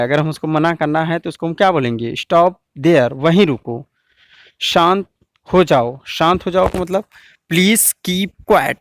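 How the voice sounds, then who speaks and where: Indian guy teaching easy english phrases, repeats everything slow, bit high pitched, dry mic. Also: no echo. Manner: slow, repetitive, drilling each phrase. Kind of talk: classroom English lesson.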